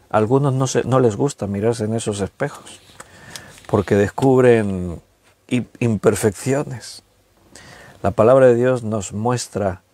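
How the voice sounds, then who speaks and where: A man from preaching a sermon at home in a conversational way, slowing down to stretch key words. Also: fairly low pitch, mellow, no echo. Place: recorded at home with a tablet.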